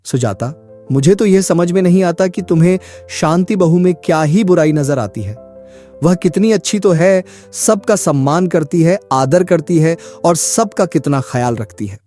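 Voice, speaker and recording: A voice actor playing a mild, calm father-in-law in a cartoon story, reasoning gently. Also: mid-range voice, moderate pace, soft background music, lightly acted.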